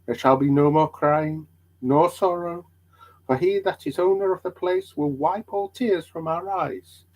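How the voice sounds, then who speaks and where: A man's voice: on the high side, fairly even intonation, a little slow, a little mellow, poor audio. A man voicing an earnest, devout, burdened pilgrim in a hammy, theatrical dramatic reading of an old allegory. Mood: rapturous.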